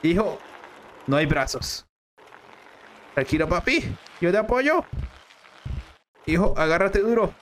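Man playing a soothing dad, low slow reassuring voice, noisy background. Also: big pitch swings, fairly bright tone, full character voice. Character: calm soothing father Roberto.

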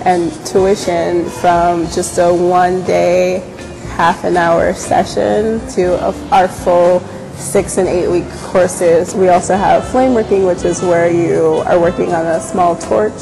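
A young adult woman on staff at a glass studio gives a casual on-camera interview about the venue, full of fillers and restarts, in a large indoor gallery space. Her lowish voice is level, slow and gravelly, captured on a lapel mic in a low-quality recording with a music bed behind.

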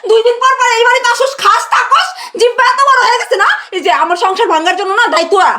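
A very high, bright young wife cries out her grievances, as an actress plays her. She talks fast, her voice rising into tearful wails. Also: lively intonation, heavily acted. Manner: tearful, wailing complaints. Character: young wife, wailing and defiant. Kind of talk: Bangladeshi short drama acting.

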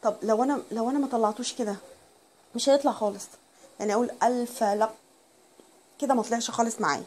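A woman with an Egyptian accent teaching Quran recitation, explaining patiently and reciting words slowly and drawn out. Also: on the high side, a little mellow, slight background noise. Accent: Egyptian Arabic.

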